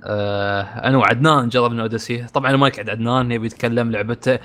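Man, Emirati Arabic accent, quick talker, mid-pitched, relaxed podcast host. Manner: easygoing, addresses listeners directly. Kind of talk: casual gaming podcast chat.

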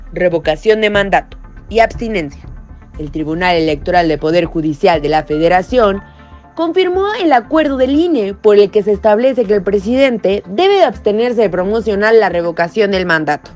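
A woman co-hosting a news podcast, reading headlines and chatting lively with her co-host. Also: mid-range voice. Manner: lively, laughs between items. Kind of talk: news read with banter.

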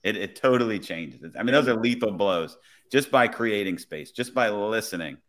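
Man, low-pitched, reflective, agreeable co-host, casual podcast talk. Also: animated, moderate pace, a bit bright. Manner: affirming, reflective, builds on the other speaker's points.

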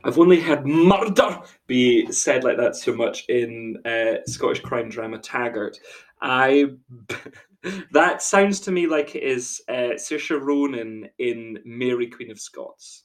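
A man co-hosts a podcast and takes a quiz in casual chat. He talks in a chatty way and often hesitates. His pitch sits in a middle range. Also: slow, faint music behind. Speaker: podcast co-host, quiz contestant.

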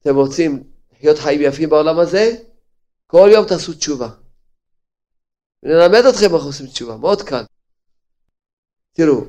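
A man with a high-pitched voice preaches a sermon as a rabbi. He fires off rhetorical questions and swings between loud outbursts and hushed lines.

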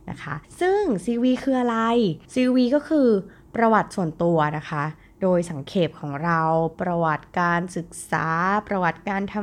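A young adult woman hosting a solo podcast, talking chattily and directly to her listeners in a casual, friendly way. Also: on the low side. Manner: chatty, addresses listeners directly with polite particles. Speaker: podcast host.

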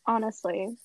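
A woman's voice: a little high, a bit bright, dry recording, poor audio. A woman with a Southern American accent co-hosting a podcast, chatting casually, swearing freely and reading a passage aloud. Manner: blunt, swears freely, laughs often. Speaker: podcast co-host.

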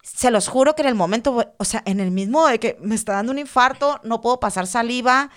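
Woman, thirties, podcast guest, casual storytelling, animated, repeats words. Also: fairly high pitch, a little fast.

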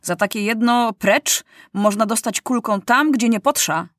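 A woman voicing a stern young corporal giving a gruff warning. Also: a little high, unhurried, fairly bright tone, no echo, clean studio sound, voice pushed up. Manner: stern, admonishing.

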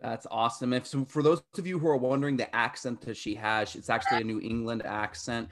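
A man's voice: medium pitch, fairly even intonation, fast talker. A man from Virginia hosting a podcast, upbeat and jokey, laughing often as he talks with his guest. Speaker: podcast host. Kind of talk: casual podcast interview.

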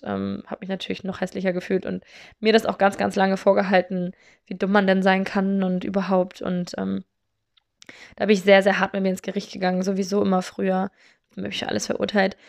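A woman's voice: medium pitch, completely flat delivery, brisk, gravelly, darkish tone. A young woman telling candid, self-deprecating stories about herself in casual talk, with many fillers and restarts. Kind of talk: casual personal storytelling.

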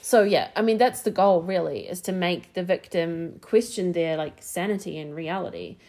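Chatty New Zealand woman, lowish voice. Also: moderate pace, darkish tone. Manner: chatty, many fillers and restarts. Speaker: podcast host. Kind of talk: casual podcast chat.

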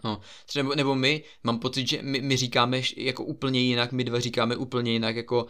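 A man's voice: mid-range voice, little pitch movement, sharp tone, smooth. A man co-hosting a casual football chat, rambling animatedly with frequent fillers and the odd swear word. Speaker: football podcast co-host.

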